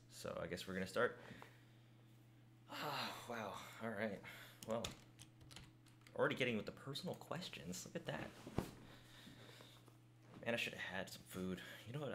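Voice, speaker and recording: A man's voice: low-pitched, vocal fry, a bit bright, a little hiss or hum. A man hosting a gaming video, chatting casually and jokingly while reading the game's text aloud with his own asides. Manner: jokey, reads game text aloud with asides. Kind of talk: casual let's-play commentary.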